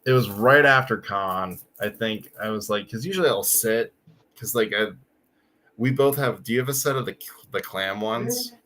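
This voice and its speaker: A man's voice: on the low side, normal speed, pushed and bright. A man co-hosting a casual fan podcast, chatty and full of filler words. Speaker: podcast co-host.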